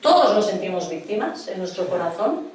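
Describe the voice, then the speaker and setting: A woman's voice: medium pitch, sing-song, normal speed, darkish tone, recorded from a distance, a little hiss or hum. A middle-aged woman from preaching a sermon in a church hall, earnestly questioning her congregation. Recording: echoey hall, voice from afar.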